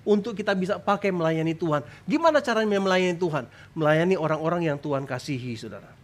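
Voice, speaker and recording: Pastor, male, high voice, emphatic sermon with sudden prayerful cries. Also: animated, fast. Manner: emphatic preaching, often tags lines with "saudara"; voice jumps high when crying out prayers. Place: church stage.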